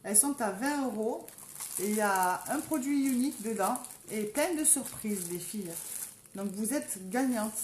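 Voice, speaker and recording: A woman's voice: on the high side, expressive, moderate pace, darkish tone, a little hiss or hum. A woman with a southern French accent, chatting casually to viewers in a live makeup tutorial and calling out to them constantly. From south of France. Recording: roomy echo, faint background ambience.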